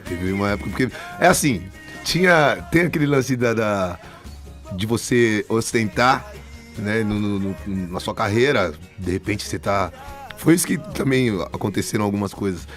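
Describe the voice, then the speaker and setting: A man's voice: on the low side, normal speed, soft background music. A man, a band's singer as an interview guest, telling stories chattily with frequent restarts. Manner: chatty, animated anecdotes with many restarts. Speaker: band vocalist, guest. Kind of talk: casual storytelling interview.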